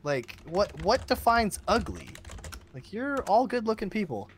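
A man's voice: high-pitched, huge pitch swings, measured pace, slight background noise. A man, a guest streamer, talking casually on a podcast, swearing often and laughing a lot.

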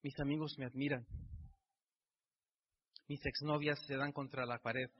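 A man's voice: mid-range voice, little pitch movement, a little slow, very noisy. A middle-aged man gives an emotional motivational speech, building up through repeated phrases. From Mexico. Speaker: motivational speaker. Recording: dull sound in a reverberant hall.

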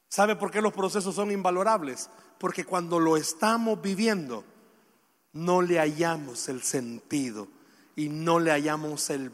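A man preaching a sermon, swinging from loud pleading to hushed, tender stretches. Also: on the high side. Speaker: pastor. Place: church hall. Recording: long reverb of a large hall.

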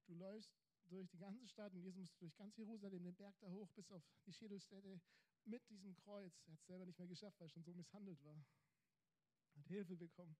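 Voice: mid-range voice, steady tone, a little fast, dark tone. A preacher delivering an emphatic sermon, building points through repeated phrases and rhetorical questions.

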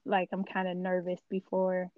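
A woman's voice: fairly low pitch, completely flat delivery, normal speed, no room sound. A young woman co-hosting a podcast in casual chat, talking candidly and rambling, swearing freely. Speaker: podcast co-host. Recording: dull lo-fi sound, dry.

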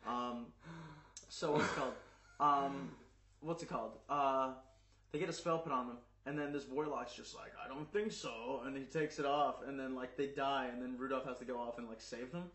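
A man's voice: mid-range voice, fairly even intonation, normal speed, a bit bright. A young man co-hosting a podcast, chatting casually and saying "dude" and "like" a lot. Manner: laid-back, says "dude" and "like" a lot. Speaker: podcast co-host. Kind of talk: casual chat. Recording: echoey room.

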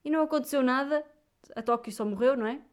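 Chatty ranting Portuguese woman, fairly high voice. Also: quick pace. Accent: European Portuguese. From Viseu, Portugal. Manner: animated, ranting, lots of "epá" and "pá" fillers. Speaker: vlogger. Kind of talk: casual chat.

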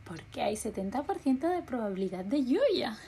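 A young woman, co-hosting a podcast in casual, excitable chat and laughing often. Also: on the high side, fairly quick, breathy edge. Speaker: podcast co-host.

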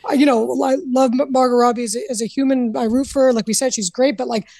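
A woman co-hosting a podcast, retelling and critiquing a film in casual chat, animated and full of "like". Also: on the high side, quick pace, gravelly, dry recording, studio quality. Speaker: podcast co-host.

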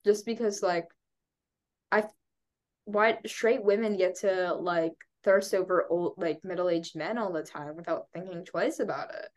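Speaking at a measured pace in a lowish voice, a congested young woman chats casually as a podcast co-host. She rambles, laughs often and fills her talk with fillers and restarts.

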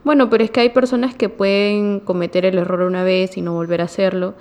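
A woman's voice: medium pitch, flat delivery, a little fast, a little mellow. A woman in a casual chat, giving short affirmations and musing reflectively.

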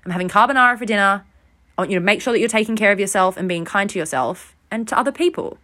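A young woman hosting a podcast, telling a rambling, self-deprecating story in a casual, animated way. She sounds overtired. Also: mid-range voice, racing. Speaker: podcast host.

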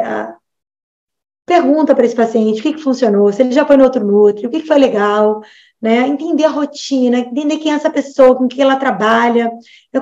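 A woman's voice: sits high, a little mellow, muffled recording. A Brazilian woman who is a nutritionist, giving a casual online lecture to health professionals and checking in often with her listeners. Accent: Brazilian Portuguese. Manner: chatty, frequent "né?" and "tá?" tags, acts out patient dialogues.

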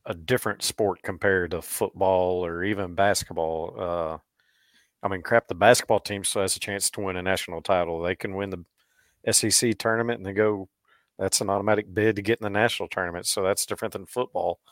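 Low-pitched Missouri man, relaxed sports podcast co-host, chuckles a lot, dry close mic. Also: a little fast, dry recording. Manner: chatty, laughs often, restarts. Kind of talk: casual sports chat.

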